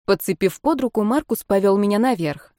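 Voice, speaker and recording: A woman reading a first-person audiobook in a steady, measured way. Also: mid-range voice, no echo, clean studio sound. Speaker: audiobook narrator.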